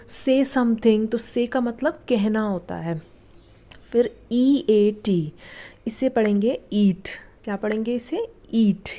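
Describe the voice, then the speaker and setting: A woman's voice: medium pitch, mellow. A woman teaching English words, spelling each one and asking it back in a patient, repeating way. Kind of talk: spelling and explaining words for learners.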